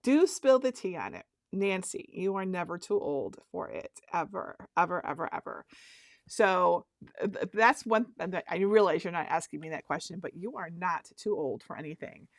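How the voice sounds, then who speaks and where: A woman in her fifties with a voice on the low side and lively intonation speaks at a moderate pace while hosting a craft workshop livestream. Chatty and prone to laughing and restarting, she reads viewer comments aloud, all in clean studio sound with no echo.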